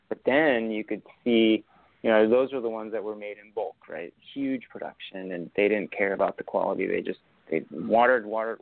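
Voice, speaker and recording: Over a tinny, phone-like connection with no room sound, a young man from Argentina talks loosely as a winemaker guest in a relaxed interview. His voice is fairly low and gravelly. He meanders, filling gaps with hesitations and frequently restarting his sentences.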